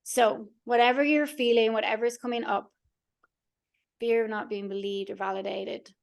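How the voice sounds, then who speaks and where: A woman's voice: a little high, fairly even intonation, moderate pace, creaky. A woman coach leading a live online workshop in a soothing, encouraging way, checking in often with her listeners. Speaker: mind-body coach.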